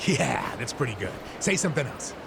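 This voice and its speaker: A man voicing a brash, playful, cocky brawler in a video game, with loud music over the voice. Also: medium pitch, sing-song, a little fast, creaky, background noise.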